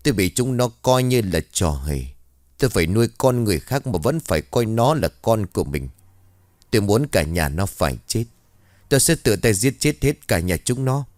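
A man's voice: fairly low pitch, sing-song, moderate pace, darkish tone, dry recording, clean studio sound. A man doing a bitter, vengeful village man. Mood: furious. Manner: angry ranting.

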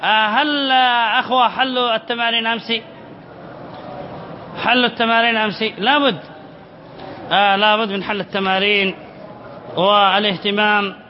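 Sheikh, male, very high voice, classroom lesson, quizzes then answers himself, dull recording with faint hiss. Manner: explains by asking questions and answering them himself, repeats phrases slowly. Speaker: sheikh teaching Arabic spelling. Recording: slightly dull recording with faint background noise.

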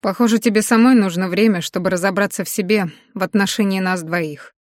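Woman playing a gruff stern husband, curt, low, audiobook, dry recording. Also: steady tone, brisk, no echo, natural voice. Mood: quiet.

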